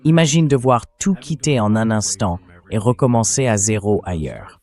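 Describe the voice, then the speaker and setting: A man in his thirties speaking in a measured, earnest way as a community vice-president in a dubbed interview voice-over. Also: lowish voice, lively intonation, darkish tone. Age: 30s.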